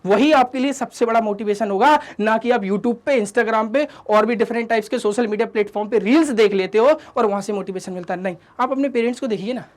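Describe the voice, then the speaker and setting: Fast-talking fatherly teacher man. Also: high voice. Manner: scolding and fatherly, addresses listeners as "beta", asks rhetorical questions; mixes English catchphrases into the lesson. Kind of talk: motivational study talk to students.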